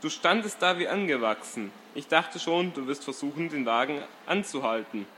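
A cheerful young man, teasing his friend with easy warmth in a storybook tale, as a male narrator puts him on. The voice sits a little high, with a faint hiss behind it. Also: lively intonation, moderate pace.

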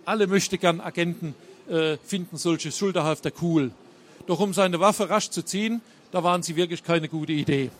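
A man reading and retelling a thriller, halting with many fillers and self-corrections. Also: on the high side. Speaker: storyteller.

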